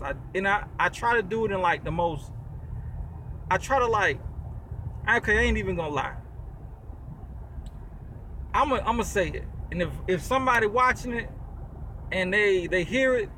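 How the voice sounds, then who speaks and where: Blunt, slangy high-voiced man. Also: sharp tone, slight background noise. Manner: blunt, slangy, talks straight to the viewer. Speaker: used-car dealer. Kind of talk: casual advice vlog. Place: small office.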